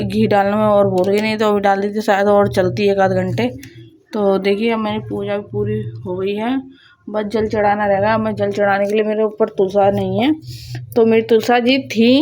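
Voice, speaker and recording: A young woman with a hoarse, sore-throated voice chatting casually to her viewers at home, rambling with restarts. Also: medium pitch, mellow, a little hiss or hum, poor audio. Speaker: vlogger. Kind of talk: casual vlog chat to viewers. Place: home, indoors.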